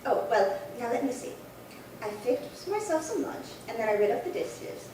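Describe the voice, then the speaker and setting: An actress with a slightly high, very animated voice at a moderate pace plays a chatty, dithering elderly single lady in an old-time radio drama, rambling politely in a fussy, fluttery way. Recorded at a live theatre performance, it sounds distant in a very echoey hall with faint noise.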